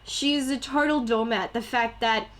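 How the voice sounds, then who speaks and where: A young woman co-hosting a casual film podcast, animated, laughing often and acting out lines. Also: on the high side, a little slow. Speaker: podcast co-host. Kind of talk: casual movie chat.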